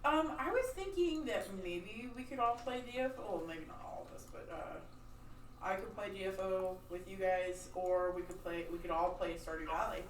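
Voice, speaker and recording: A woman's voice: medium pitch, moderate pace, far from the mic. A woman playing a tabletop game over voice chat, chatty and helpful with suggestions. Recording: noisy hissing mic.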